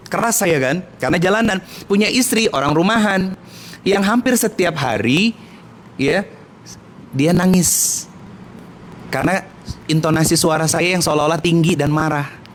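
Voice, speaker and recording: Male preacher in his thirties, soft-spoken yet lively, slightly high voice, faint hum behind. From Indonesia, Minangkabau family. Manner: soft-spoken, lively, questioning listeners directly. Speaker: Islamic preacher. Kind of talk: sermon to women.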